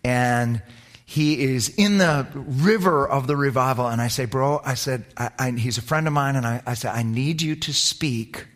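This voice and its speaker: Speaking at a normal pace, a pastor shares a personal story in his sermon, animated and alternating between loud, emphatic moments and quiet, low ones.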